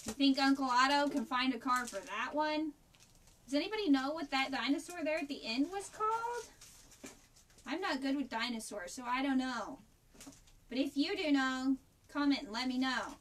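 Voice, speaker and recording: A woman's voice: high-pitched, animated, moderate pace, fairly bright tone, distant mic, a little hiss or hum. A woman librarian reading a picture book aloud and talking directly to children at a virtual story time. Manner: friendly, talks to children directly.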